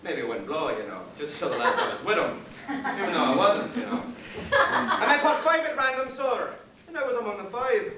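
A man's voice: high voice, animated, brisk. An actor playing a nervous, groveling Irish convict hangman who rambles on and calls everyone sir, in a live stage play. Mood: rambling. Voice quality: wheedling, deferential, endlessly says sir. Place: theater stage. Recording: echoey theater, mic far off, faint hiss.

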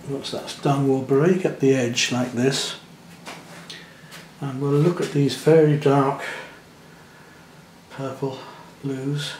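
In his studio at the easel, a man thinks aloud in a gentle, chatty way while demonstrating a watercolour painting. He speaks slowly with long pauses, his mid-pitched voice carrying a noticeable room echo over a faint background hum.

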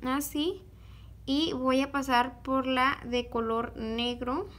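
A young woman giving a slow, patient, step-by-step beadwork tutorial, pausing often on fillers as she works. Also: sits high, steady tone, a bit bright.

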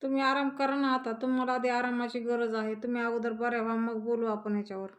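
A woman's voice: fairly high pitch, flat delivery, quick pace, natural voice. Woman reading as a firm young daughter-in-law. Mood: soothing.

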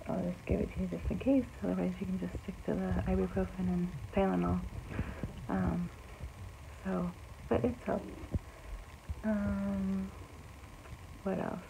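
A middle-aged woman talking casually and haltingly in a home video diary, often trailing off. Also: lowish voice, creaky. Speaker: vlogger. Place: bedroom at home. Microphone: phone at arm's length. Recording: noisy amateur home phone recording.

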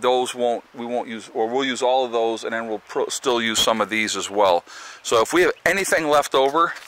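This homesteading vlogger, a man with a Northeastern American accent, wanders outdoors with a handheld camera, chatting loosely with plenty of fillers and false starts. His medium-pitched voice sounds sharp and clean.

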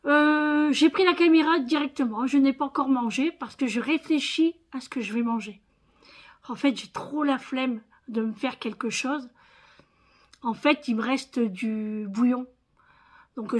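A woman's voice: high voice, unhurried. A tired woman chatting casually in her vlog, with a northern French accent and lots of fillers and little tags. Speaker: vlogger. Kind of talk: casual chat.

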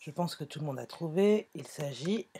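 A woman's voice: sits low, expressive, moderate pace, warm tone, husky. A woman teaching a phonics lesson to young children, speaking patiently, repeating herself and correcting small slips.

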